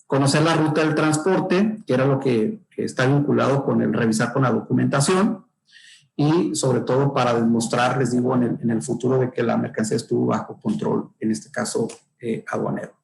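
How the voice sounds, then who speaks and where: A man's voice: medium pitch, brisk, creaky, a little mellow, reverberant, slight background noise, low-quality recording. A man, a trade consultant explaining rules in podcast talk, thinking aloud with many filler sounds and tag questions. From Mexico.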